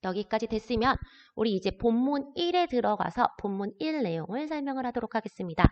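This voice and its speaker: Brisk and lively in intonation, with a fairly high pitch, a woman patiently walks learners through vocabulary in an introductory language class. The recorded lesson sounds dull and lo-fi, with lingering reverb.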